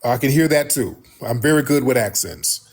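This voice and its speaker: A man's voice: mid-range voice, animated, moderate pace, slightly rough. An American man hosting a casual live talk, speaking in a blunt, colloquial way. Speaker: host.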